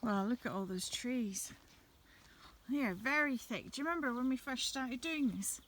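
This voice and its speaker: A woman with a fairly high voice talks to her viewers in a relaxed, chatty way as she strolls through woods beside a river. Faint outdoor ambience sits under her voice. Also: normal speed, a little hiss or hum. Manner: chatty, gentle, talking to viewers while walking. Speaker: vlogger. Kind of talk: casual walking vlog narration.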